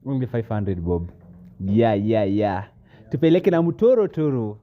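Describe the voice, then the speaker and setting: A man's voice: lowish voice, lively intonation, a little slow. A man with a Kenyan accent chatting casually to the camera and his friends. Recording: dull sound with faint noise.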